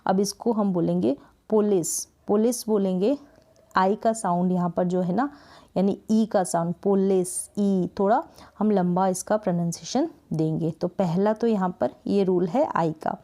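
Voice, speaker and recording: A woman from India teaching English spelling rules, patiently repeating words and stretching syllables slowly to show pronunciation. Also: medium pitch, warm tone. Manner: slow, drawn-out syllable-by-syllable pronunciation drills; patient, repeats words often with "thik hai" checks. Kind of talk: explanatory lesson.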